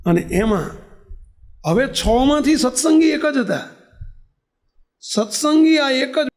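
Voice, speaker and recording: A man preaching a sermon as a lively storyteller, often checking in with his listeners. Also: extremely high pitch, slow pace. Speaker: religious preacher.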